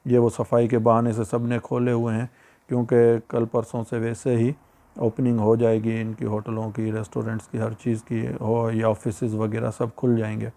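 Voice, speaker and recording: Pakistani Urdu-accented male vlogger, gravelly and flat, chatty and advising, repeats points. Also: mid-range voice, moderate pace. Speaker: YouTuber giving immigration advice. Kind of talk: casual advice vlog.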